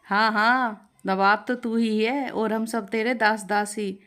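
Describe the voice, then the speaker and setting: A woman's voice: on the high side, steady tone, takes it slowly, fairly bright tone. Woman playing a grumpy, scolding mother-in-law. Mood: irritated. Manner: complaining, scolding.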